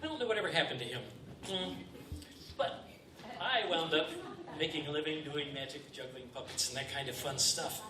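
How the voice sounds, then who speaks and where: A man with a fairly high voice speaks at a moderate pace while doing comedy juggling and magic live on stage before an audience. His patter is playful and mock-befuddled, like a kids' party magician. The recording is noisy and echoey, picked up from far away.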